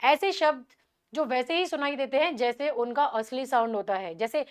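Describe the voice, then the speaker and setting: A woman with an Indian accent and a high voice gives an exam-prep lecture on literary devices. She explains in a Hindi and English mix and slows down to read each English example aloud.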